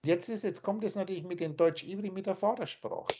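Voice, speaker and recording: A man's voice: high-pitched, fairly quick, noisy background. Man lecturing emphatically over a dull call. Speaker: spiritual teacher. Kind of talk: lecturing monologue on a video call. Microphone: video call. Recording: dull lo-fi online call audio.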